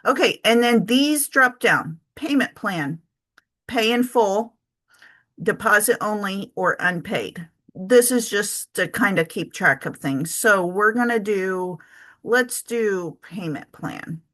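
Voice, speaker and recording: A woman talks through a spreadsheet in a relaxed tutorial, taking her time and filling pauses with ums. Her voice is bright and forward, and she corrects herself as she goes, like someone thinking out loud. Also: medium pitch. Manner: chatty, thinks aloud with many ums and self-corrections. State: has the hiccups. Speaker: travel business owner teaching spreadsheets. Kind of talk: casual screen-share tutorial.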